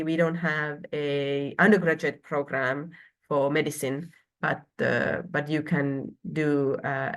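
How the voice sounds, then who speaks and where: A Finnish woman in her thirties presents a university program online in a low voice. Her delivery is full of hesitations and filler sounds.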